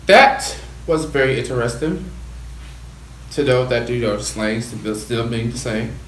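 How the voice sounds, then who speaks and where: A man co-hosting a casual food vlog, talking in relaxed, slangy chat. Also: mid-range voice, a little slow. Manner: laid-back, animated, colloquial slang. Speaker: YouTube vlog co-host. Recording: echoey room, faint background noise.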